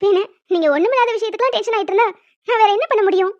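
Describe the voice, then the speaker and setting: A woman voicing a calm young wife and mother who soothes her husband with light amusement in a cartoon. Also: extremely high pitch, racing, no echo. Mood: soothing. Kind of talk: cartoon voice acting. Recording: dull lo-fi dry recording.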